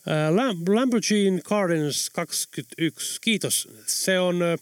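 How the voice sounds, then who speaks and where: A man voicing a brisk, practical young woman in an audiobook. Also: high-pitched, clean tone, dry recording, clean studio sound, voice pushed up, lightly acted. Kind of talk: audiobook character voice.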